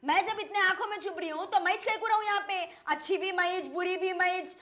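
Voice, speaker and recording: A woman acting as an indignant young wife who snaps back at her in-laws with a Hyderabadi accent. Her voice is very high, bright and sharp. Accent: Hyderabadi Urdu. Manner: indignant, quick-tempered. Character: defiant young wife of the house.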